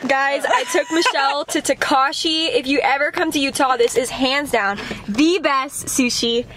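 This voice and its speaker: A young woman hosting a casual vlog, bubbly and excitable and quick to laugh. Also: high voice, slight background noise. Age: young adult. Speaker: vlogger host.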